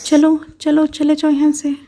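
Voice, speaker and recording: A woman voicing a brave, helpful young village woman who talks loudly with many exclamations, in a doll storybook video. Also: high voice, fairly even intonation, moderate pace, a little hiss or hum, close to an everyday voice. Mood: bold. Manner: loud, exclaiming.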